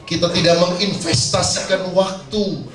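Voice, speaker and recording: A man's voice: sits high, flat delivery, measured pace. A male pastor preaching a sermon and telling a story, addressing the congregation directly. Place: church sanctuary. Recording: echoey church hall, mic far off.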